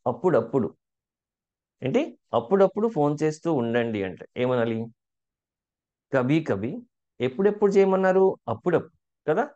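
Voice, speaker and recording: A man teaching a language lesson, asking learners questions and saying phrases slowly for them to repeat. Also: on the high side, sing-song, dark tone, highs cut off. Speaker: spoken Hindi teacher. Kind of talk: language lesson, drilling example sentences.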